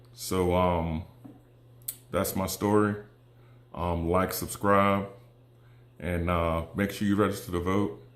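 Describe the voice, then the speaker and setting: A man with a somewhat low voice talks casually and earnestly to his viewers, halting often with ums and restarts. When he presses a point he turns emphatic and persuasive. The room around him has a noticeable echo. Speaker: vlogger and combat veteran. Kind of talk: casual direct-to-camera talk.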